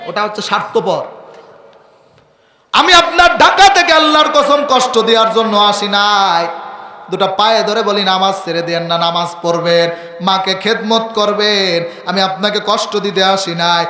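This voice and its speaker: A man's voice: high voice, moderate pace, sharp tone. A male preacher gives an emotional storytelling sermon at an open-air gathering. He exhorts the crowd fervently and calls on them to answer him. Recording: echoey open-air PA sound.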